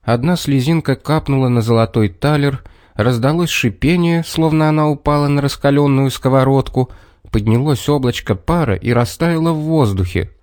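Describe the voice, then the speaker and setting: A man narrating a children's storybook in a measured, expressive reading. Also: mid-range voice, dry recording, clean studio sound.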